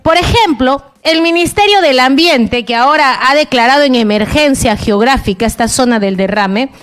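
Indignant high-voiced woman journalist. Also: lively intonation, normal speed, fairly bright tone. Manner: indignant, emphatic, addresses listener directly. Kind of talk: impassioned political commentary.

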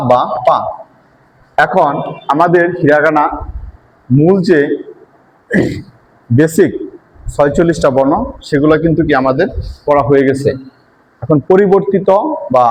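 A man's voice: on the high side, a little hiss or hum, low-quality recording. Patient man teaching step by step. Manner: patient, repetitive, asks and answers his own questions. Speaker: Japanese language teacher. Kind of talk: step-by-step lesson explanation.

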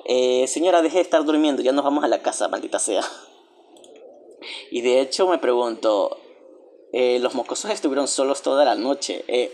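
A man's voice: medium pitch, darkish tone, a little hiss or hum. A man hosting a gaming channel, chatting casually and scolding the game characters with jokey asides.

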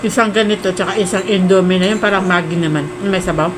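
A woman's voice: lowish voice, fast talker. A Filipino woman hosting a casual food vlog, chatting as she eats and humming over bites. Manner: talks while eating, with savoring hums. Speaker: mukbang host. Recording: noisy room with clattering dishes.

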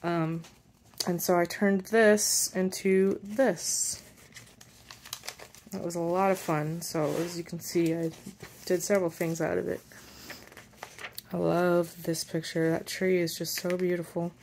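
Lower-voiced woman showing her crafts. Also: level tone, darkish tone, slight background noise. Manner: unhurried, pausing while handling pages. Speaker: journal maker and shop seller. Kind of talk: casual show-and-tell craft walkthrough.

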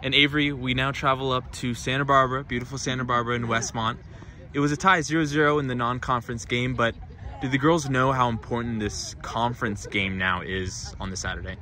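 A man's voice: mid-range voice, steady tone, a little fast, pushed and bright. A man interviewing players after a game on an outdoor field at night, asking long, rambling questions with many restarts. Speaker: sideline interviewer.

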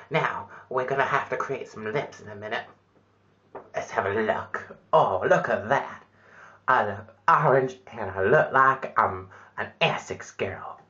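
A man hosts a comic spoof of a makeup tutorial, talking in a chirpy, mock-instructional patter. His pitch swoops up and down with lively energy. The recording sounds dull and lo-fi. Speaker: parody makeup tutorial presenter.

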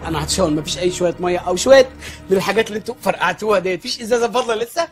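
A man's voice: sits high, racing, soft background music, lightly acted. An actor playing a pious, fussy chicken-shop owner who worries about his son, speaking in Egyptian Arabic and scolding, pleading and fretting. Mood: flustered. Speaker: comic lead in a TV comedy series. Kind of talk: sitcom comedy acting.

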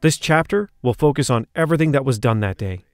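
A man's voice: medium pitch, expressive, fast talker, no echo. A man reading a scripted documentary narration, shifting his emphasis from phrase to phrase.

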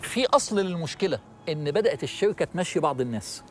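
A middle-aged man with an Egyptian accent giving a religious lesson to a studio audience, animated and asking questions. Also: a little high, quick pace, slight background noise. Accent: Egyptian Arabic. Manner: animated, asks the audience questions, acts out worried people. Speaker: religious TV host and lecturer.

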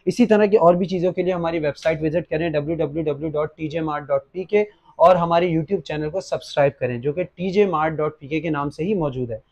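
Working from a desk in a small indoor studio, a young man with a Pakistani accent unboxes gadgets for an online shop, explaining in speech mixed with English words. He talks fast in a fairly high, gravelly and slightly mellow voice, and the audio is dull.

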